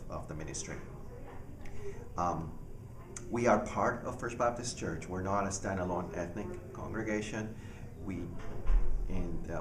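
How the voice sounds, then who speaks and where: A man, a pastor speaking earnestly about his ministry with halting restarts. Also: low-pitched. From Panama. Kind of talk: personal ministry testimony. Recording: echoey room, far from mic, audible noise.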